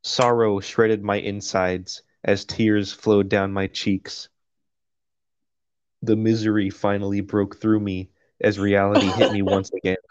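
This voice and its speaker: Slow, low-voiced man reading aloud. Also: dull audio. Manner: reads prose flatly, breaks off for profane jokes and laughter. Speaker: podcast co-host reading a novel aloud. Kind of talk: casual chat and reading aloud.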